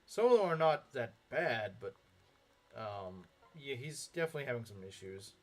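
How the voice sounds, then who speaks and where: With a mid-range voice that swings a lot in pitch, a young man speaks at normal speed as he streams a game. His casual live commentary covers chat messages and rambling thoughts, heavy on fillers and frequent chuckles.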